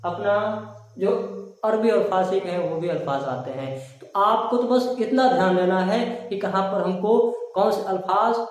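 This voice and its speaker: A man's voice: sits high, normal speed. A man teaching a spoken diction lesson, drilling words and asking questions to the viewer. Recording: very echoey room.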